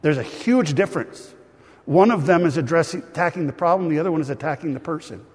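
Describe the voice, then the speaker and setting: A male pastor preaches to his congregation, lively and teasing as he talks. His voice sits a bit high and has a husky grain. The sound carries a long reverb from a large hall. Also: fast talker. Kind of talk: sermon.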